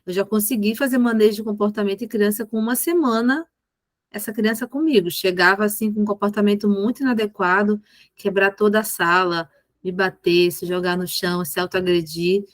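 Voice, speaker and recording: A woman's voice: medium pitch, steady tone, brisk, no room sound. A woman, a mentor patiently explaining behavior management with examples. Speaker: ABA mentor.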